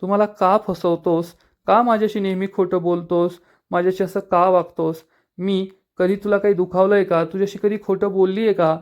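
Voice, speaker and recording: A man's voice: sits high, level tone, moderate pace, dull audio, lightly acted. A man voicing an angry, betrayed young wife who scolds her lying husband in a story recap. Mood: hurt. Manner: scolding, accusing.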